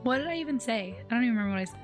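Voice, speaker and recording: Young woman streamer, hoarse voice, fairly high pitch, relaxed rambling chat, faint background music. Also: very fast. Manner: chatty, laid-back storytelling with frequent "like". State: hoarse, losing her voice. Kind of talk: casual livestream chat.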